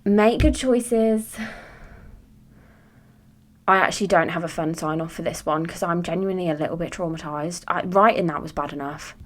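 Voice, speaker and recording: A woman's voice: sits low, steady tone, fast, few pauses, fairly bright tone. A young British woman chatting casually to her viewers, rambling into asides and swearing freely. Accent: British English. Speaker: true crime YouTuber. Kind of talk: casual chat to camera.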